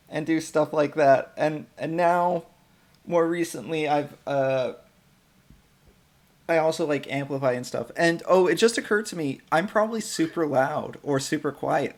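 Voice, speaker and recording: A man's voice: on the high side, moderate pace. A man hosting a casual group chat, explaining his VTuber skits in a rambling, stop-start way. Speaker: VTuber creator and host.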